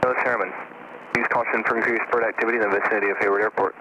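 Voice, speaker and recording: Low male voice for an automated airport weather broadcast, fast and monotone, heard through noisy cockpit radio. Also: dull audio. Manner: flat, rapid reading of numbers. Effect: automated airport weather broadcast over aircraft radio. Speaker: recorded airport information broadcast.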